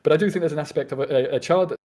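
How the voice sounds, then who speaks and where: A man's voice: on the high side, darkish tone. A man with a British accent making an earnest debate argument, often restarting his sentences. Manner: fast and earnest, with frequent restarts.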